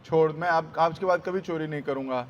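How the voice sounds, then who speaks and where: A man voicing a mischievous divine boy who pleads softly and whiningly to be let go. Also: fairly high pitch, fairly quick, muffled recording, slight background noise, lightly acted. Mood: pleading.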